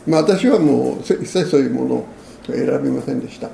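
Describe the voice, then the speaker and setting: A man's voice: mid-range voice, quick pace, gravelly, warm tone, reverberant, slight background noise. A man preaching a sermon as a pastor, in a conversational way, often ending phrases with tag questions.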